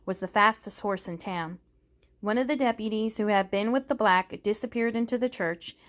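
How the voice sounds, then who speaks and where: A woman reading a novel aloud in steady, measured narration. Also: medium pitch. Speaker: reader.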